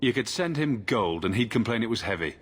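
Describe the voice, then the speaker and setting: A man's voice: mid-range voice, lively intonation, fairly quick, husky. A man playing a wry, self-assured adventurer in a video game, with a dry, sarcastic delivery. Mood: dry, composed.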